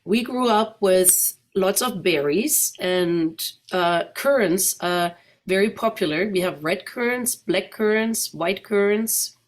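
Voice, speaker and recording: A middle-aged woman with a German accent speaks as a guest at a club, taking the audience through slides in a chatty way and asking them questions. Her voice is mid-range and her pace slow.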